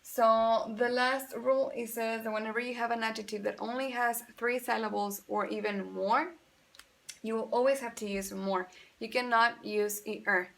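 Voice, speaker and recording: Gravelly-voiced woman teaching grammar. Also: fairly high pitch, fairly even intonation, moderate pace, a bit bright. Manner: patient, explains step by step, repeats examples; switches between Spanish and English. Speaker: English teacher. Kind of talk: bilingual grammar lesson.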